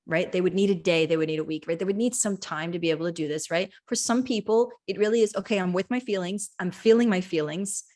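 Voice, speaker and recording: A woman's voice: lowish voice, fairly even intonation, fast, few pauses, a little mellow. A woman hosting a podcast interview, reflecting on her guest's story in an affirming way and often tagging "right?" onto her points. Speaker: podcast host.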